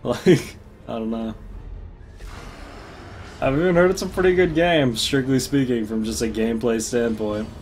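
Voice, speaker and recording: This man, a gaming streamer, talks at a normal speed with a medium-pitched voice and leaves long pauses. He chats casually while playing, wandering from topic to topic, laughing a lot and cursing occasionally.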